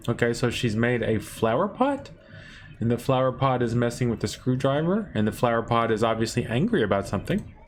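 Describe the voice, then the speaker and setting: A man's voice: medium pitch, big pitch swings, a little fast. A man casually commenting while playing a video game, thinking aloud as he goes. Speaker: gameplay video host. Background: game music.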